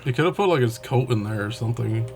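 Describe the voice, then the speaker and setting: A man's voice: mid-range voice, expressive, soft background music. A man chatting casually over a story game, cracking jokes and reacting often. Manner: slow, with frequent reactions and jokes. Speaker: game co-host. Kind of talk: casual chat.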